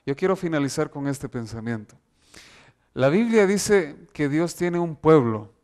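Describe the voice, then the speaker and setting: A man preaching an earnest sermon, reading scripture aloud from slides and slowing down to stress key verses. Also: a little high, expressive, darkish tone.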